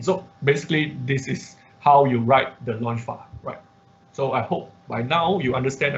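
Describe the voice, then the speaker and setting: Over dull, lo-fi online-class audio with a little hiss or hum, a male instructor with a mid-range voice gives an informal screen-share tutorial. He explains things step by step, often checking in with short tag words like "okay" and "right."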